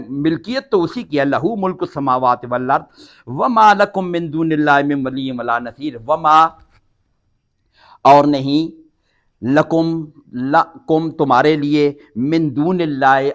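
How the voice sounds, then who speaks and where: An older man from Pakistan teaching a Quran class, reciting Arabic phrases and then explaining each word with patient repetition. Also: medium pitch.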